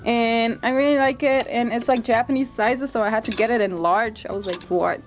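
A woman's voice: fairly high pitch, brisk, soft background music. A woman with a Dutch accent chatting casually and informally as a vlogger, in a rambling, giggly way, filming indoors on a handheld camera. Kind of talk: casual chat, showing a haul. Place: small bedroom, indoors. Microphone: handheld camera's built-in mic. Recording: muffled lo-fi handheld camera sound.

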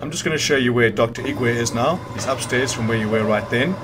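A man talks fast in a mid-range voice while hosting a game guide, offering informal commentary, thinking aloud and correcting himself. The background is noisy with video game music and sounds.

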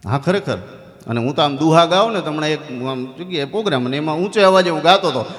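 Man with a Saurashtra Gujarati accent, a fairly high voice, telling live folk-stage comedy. He is animated and acts out voices. The sound comes from a stage mic in a reverberant hall. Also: fast. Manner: animated, acts out other people's voices with sudden jumps in pitch. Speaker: comedian and storyteller. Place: stage before a live audience. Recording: live hall with long reverb and faint music.

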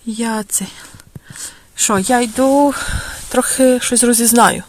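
A woman's voice: on the high side, fairly even intonation, slow, darkish tone. A middle-aged woman, casually vlogging a road trip and chatting to her viewers as friends. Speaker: village vlogger. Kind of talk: casual travel vlog. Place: in a car and outdoors in a village.

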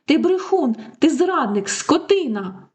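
A woman narrator voicing a furious betrayed wife who hurls accusations in a raised, shrill voice. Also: very animated, a little slow.

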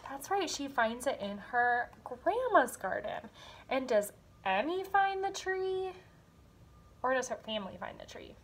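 Her voice sits high and swings widely in pitch, delivered at a measured pace. A young woman, she teaches kindergarten from a small room at home, using simple explanations and questions as though the children answer back, recorded on a device camera a step or two away.

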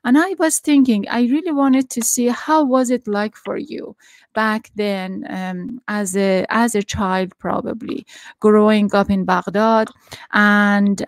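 A woman's voice: mid-range voice, no room sound. A middle-aged woman from Iran hosting an interview over a video call from her home study, speaking earnestly with frequent restarts. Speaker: podcast host. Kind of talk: interview introduction and questions. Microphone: studio microphone with headphones on video call.

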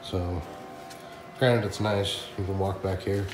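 An excited print shop owner and vlogger shows off his shop, chatty and explanatory, thinking out loud in a low-pitched, slow voice. The recording is echoey from the vast concrete-floored room, noisy in the background, with music playing over it.

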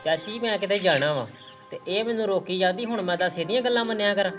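A man's voice: high-pitched, fast, muffled recording, music in the background, natural voice. A man playing a neglectful young husband in an amateur family drama, curt and dismissive. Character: neglectful young husband who later repents. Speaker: son and husband; channel host.

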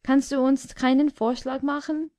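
A woman voicing a cruel, boisterous male king in an audiobook, loud, mocking and bullying. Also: sits high, little pitch movement, normal speed, no echo, studio quality, voice pushed up, natural voice. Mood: angry. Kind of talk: audiobook character voice.

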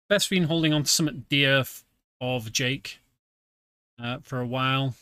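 A British streamer with a sharp-toned, mid-range voice chats through a casual let's-play, explaining the video game and using many fillers. Underneath his talk, the game music is clearly audible.

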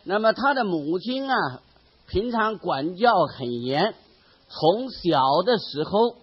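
A man, a Buddhist monk, giving a dharma lecture, telling stories in a drawn-out way and often trailing off with soft particles. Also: high voice, animated, breathy edge. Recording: dull lo-fi lecture recording.

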